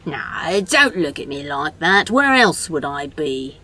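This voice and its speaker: A woman's voice: low voice, very animated, takes it slowly, bright, forceful tone, full character voice. A woman voicing a sardonic, bossy male demon in a fan audio drama, talking in a dry, exasperated, scolding way.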